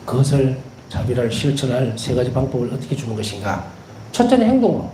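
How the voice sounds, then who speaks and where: Animated Korean priest, roomy echo. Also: male voice, medium pitch, fast talker, noisy background. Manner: animated, repeats key words for emphasis; tells anecdotes with gentle humor. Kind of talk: devotional lecture.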